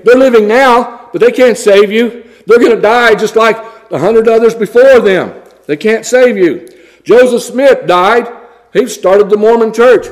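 A man with a notably high voice delivers a sermon. His preaching is blunt and scornful, and he reads scripture in old-fashioned wording.

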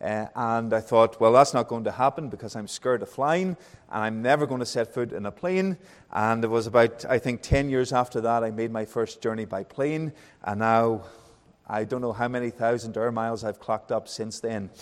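A Northern Irish man in his thirties preaches a sermon at a mid pitch. He talks in an unhurried, friendly way and often pauses on small fillers. His voice rings out with the long reverb of a large church hall. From Northern Ireland. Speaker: pastor.

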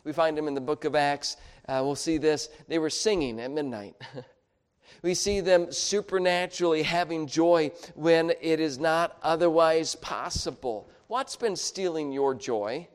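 A middle-aged man preaching a sermon in a conversational, storytelling way, with halting restarts and a voice that drops quiet when he turns confessional. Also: on the high side, clear, resonant tone. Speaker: pastor.

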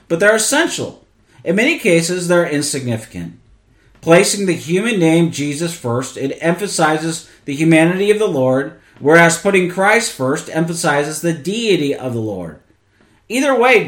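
Earnest man explaining theology in an echoey room. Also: a little high. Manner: earnest, explanatory, with frequent restarts. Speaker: podcast host. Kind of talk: theology teaching monologue.

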